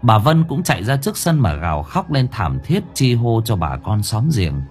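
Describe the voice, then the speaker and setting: A man narrating a horror audiobook in a dramatic, drawn-out storytelling manner. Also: mid-range voice, sing-song. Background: faint music.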